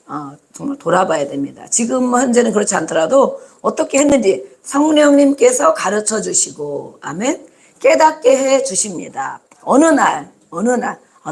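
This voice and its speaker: A woman's voice: on the high side, vocal fry. A woman pastor preaching a sermon, putting rhetorical questions to the congregation and repeating phrases for emphasis.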